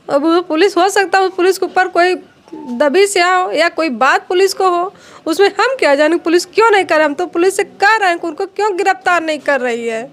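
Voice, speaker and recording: High-voiced grieving mother, urgent. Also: a bit bright. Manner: urgent, distressed pleading. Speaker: victim's mother. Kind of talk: interview testimony.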